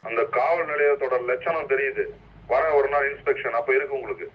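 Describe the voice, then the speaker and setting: A man's voice: medium pitch, a little fast. A man speaking as a senior police officer over a police radio, stern and scolding as he gives orders. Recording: muffled police radio with loud static.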